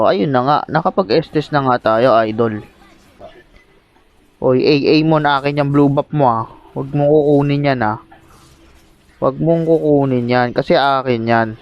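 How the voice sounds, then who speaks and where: A Filipino man giving casual, excitable play-by-play while gaming, teasing his teammates. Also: medium pitch, muffled recording. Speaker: mobile game streamer. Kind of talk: casual live gameplay commentary.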